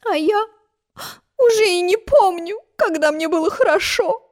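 A woman voicing a fussy, tearful old queen who shrieks and wails. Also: unhurried. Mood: mournful. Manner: wails and shrieks in a high, shrill voice.

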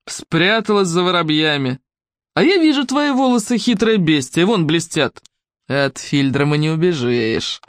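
A reader voicing a hoarse, vicious male henchman in an audiobook fairy tale, snarling roughly. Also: mid-range voice, sing-song, measured pace, no echo, clean studio sound. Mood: gloating. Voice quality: hoarse, wheezing.

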